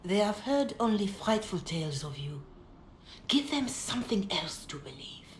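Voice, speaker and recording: An actress playing a calm, compassionate middle-aged holy mother in a fantasy video game, speaking in a measured, gentle, solemn way. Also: medium pitch, lightly acted. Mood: earnest, persuasive. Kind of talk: dramatic video game dialogue. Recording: roomy echo, background ambience noise.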